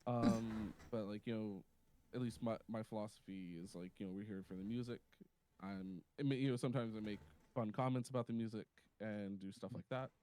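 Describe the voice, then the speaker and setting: A man, a DJ guest, talking in a relaxed, hesitant way with many ums. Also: on the low side, a little fast. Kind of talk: casual chat.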